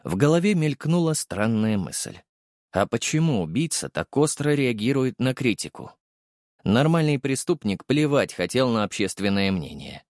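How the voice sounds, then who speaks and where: A man reading a first-person audiobook in a measured, steady storytelling style. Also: mid-range voice, no room sound, studio quality. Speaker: audiobook narrator. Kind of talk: scripted first-person narration.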